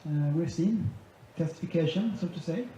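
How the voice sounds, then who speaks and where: Male conference speaker with a warm, dark tone. Methodical delivery, recorded far off in a large hall with faint room noise. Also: a little high, normal speed. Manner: methodical, summarizing point by point. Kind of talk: conference presentation. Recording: echoey hall, dull sound, faint ambience.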